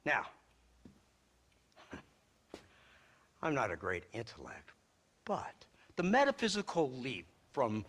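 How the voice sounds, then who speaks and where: Western game villain lawman, condescending, sardonic, lecturing, highly animated pitch. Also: heavily acted. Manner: sardonic, drawling lectures broken by chuckles. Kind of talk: video game cutscene monologue.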